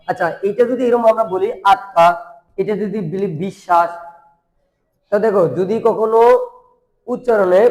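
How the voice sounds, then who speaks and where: A young man with a high voice teaches a grammar lesson. He keeps asking his class questions, answers them himself and says each word slowly again. The room around him sounds echoey. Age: young adult.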